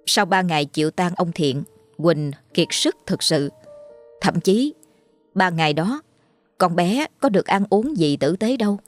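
A woman narrating a ghost story in a slow, mournful storytelling manner. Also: fairly low pitch, expressive, faint music behind.

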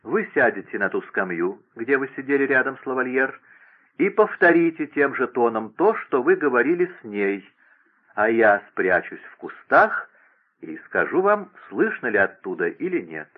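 A man's voice: medium pitch, big pitch swings, moderate pace. A man reading aloud and voicing an imperious, scheming young princess who gives orders in a raised, insistent voice. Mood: commanding. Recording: tinny phone-like radio broadcast.

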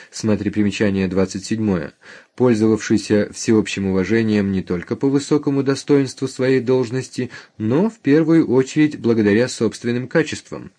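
A man reading a history book aloud as scripted narration, announcing page numbers and footnotes in a measured, even way. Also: medium pitch. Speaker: audiobook reader.

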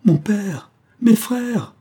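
Man putting on a young adventurer, husky, warm, raised and higher voice, quick-tempered. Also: close to an everyday voice. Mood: desperate calling. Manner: raises voice to shout challenges. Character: young Frenchman, bold explorer, quick-tempered.

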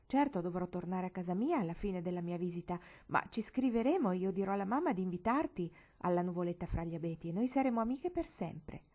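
A woman voicing an earnest, pious little girl who pleads softly, in a storybook reading. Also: on the low side, animated, quick pace, few pauses.

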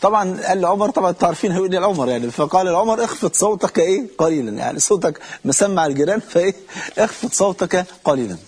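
A man preaching a sermon with an Egyptian Arabic accent, telling stories and speaking straight to his listeners, drawing out quoted lines slowly. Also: high voice, expressive, breathy edge. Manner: storytelling with slow, drawn-out quotes; addresses listeners directly.

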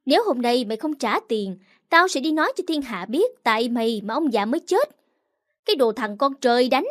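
A woman reading a storybook voicing a loud, quarrelsome older village woman who scolds coarsely. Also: sits high, sing-song, brisk, dry recording, clean studio sound. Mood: scolding.

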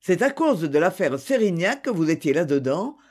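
A plump, cheerful Englishman, voiced by a man reading aloud, chatters in jovial, clumsy turns of phrase. The voice sits high and swings widely, bright with goodwill, as in an audiobook. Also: very animated, normal speed.

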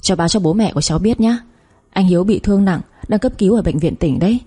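A woman voicing a brisk middle-aged man making an urgent hospital call, clipped and hurried, in a storybook reading. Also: medium pitch, lively intonation, mellow, husky.

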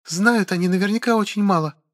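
A man voicing a calm, calculating woman officer who reasons in a measured way. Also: high voice, pitched above the performer's own voice.

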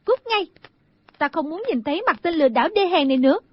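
A woman's voice: sits high, animated, fast, voice pushed up. Woman doing a fiery scolding young girl. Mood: furious. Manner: sharp, scolding. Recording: dull lo-fi audio.

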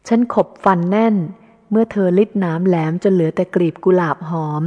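A woman narrates a first-person book in a calm, measured reading voice of ordinary pitch. The sound is dull and lo-fi, with a long reverb tail trailing each phrase. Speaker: audiobook reader.

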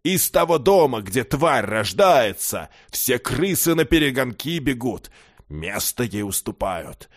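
A man's voice: mid-range voice, very animated, unhurried. A man putting on a toothless old beggar mumbling doom. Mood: ominous. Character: gloating toothless old male beggar, fearmonger.

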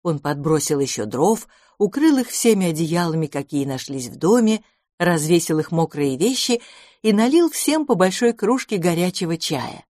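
A woman narrating a children's audiobook with lively, expressive storytelling. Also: on the low side, normal speed, no echo, studio quality.

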